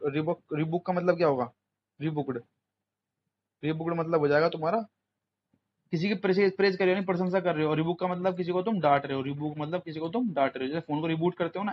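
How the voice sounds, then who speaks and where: A young man runs an exam coaching class, talking in casual Hindi laced with English words and firing questions at his students. His voice sits a little high. The audio is muffled and lo-fi, with faint room noise behind him. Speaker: English teacher.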